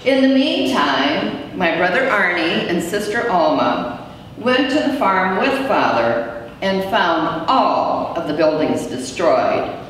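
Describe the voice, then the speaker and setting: A woman reading aloud a first-person recollection in a measured, deliberate storytelling manner. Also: fairly low pitch, very animated. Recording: echoey hall from far off, faint noise.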